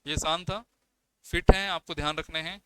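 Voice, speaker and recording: A man's voice: fairly high pitch, fairly even intonation, normal speed, very noisy. A young man teaching an exam-prep class on poetry, explaining step by step and counting syllables aloud, with as his on terms. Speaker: English lecturer. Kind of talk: exam coaching lecture.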